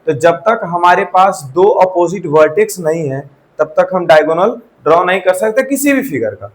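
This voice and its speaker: The speaker is a man with a high-pitched, animated voice teaching maths at a moderate pace; the recording is rough. In this classroom lecture he regularly asks the class questions and checks with "theek hai" over and over.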